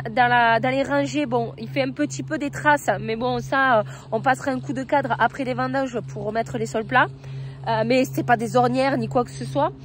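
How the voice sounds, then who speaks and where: A woman's voice: high voice, a little hiss or hum. Chatty woman from southwest France. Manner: chatty, hesitant, many fillers. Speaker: winegrower vlogger. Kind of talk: casual vlog chat. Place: outdoors in a vineyard.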